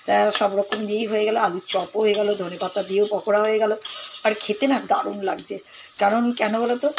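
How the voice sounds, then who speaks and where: A middle-aged woman, chatting straight to her viewers as she films on a phone at a busy church gathering. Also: mid-range voice. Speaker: vlogger, mother. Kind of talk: casual chat to viewers. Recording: crowd chatter and loud street noise.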